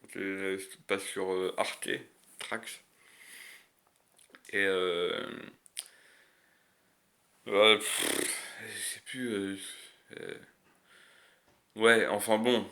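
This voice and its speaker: Casual male vlogger, fairly low voice, lisped slushy s, hesitant and unscripted delivery with crude slang. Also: steady tone, creaky, sharp tone. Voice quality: lisp, slushy s. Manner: rambling, hesitant, frequent long searching pauses. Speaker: video creator.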